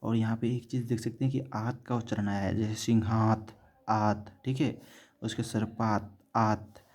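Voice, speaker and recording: A man teaching Sanskrit grammar in a classroom-style lesson, repeating each word slowly and asking and answering his own questions. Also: on the low side, little pitch movement, darkish tone. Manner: says "theek hai" after nearly every point.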